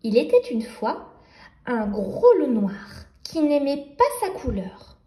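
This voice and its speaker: A woman gently reading a picture book aloud for young children. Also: sits high, sing-song, slow, roomy sound. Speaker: storyteller.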